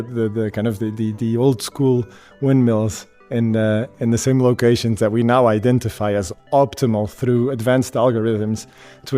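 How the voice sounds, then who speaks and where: A man from Portugal explains his work in an interview, often stumbling and repeating the first words of his phrases. His voice is mellow and dark in tone, at an ordinary middle pitch. Faint music plays softly under him. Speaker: wind energy company representative.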